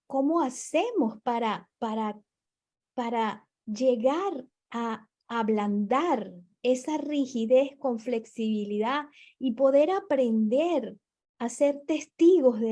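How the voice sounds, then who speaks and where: A woman's voice: a little high, animated, takes it slowly, mellow. A woman guest reflecting on her own experience, searching for words and often restarting mid-thought. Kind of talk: reflective conversational talk.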